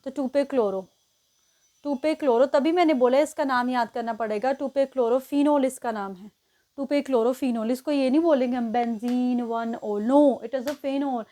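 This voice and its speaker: High-voiced woman teaching chemistry. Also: moderate pace, mellow. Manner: explains step by step, counts positions aloud, often checks with "ठीक है". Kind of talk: exam-prep lesson at a board.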